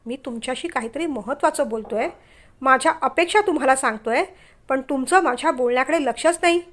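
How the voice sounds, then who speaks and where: A woman's voice: high voice, fairly quick, lightly acted. A woman reading the lines of a touchy young man on an arranged-match meeting, in a lecturing, irritated way. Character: young man, bank clerk, touchy suitor.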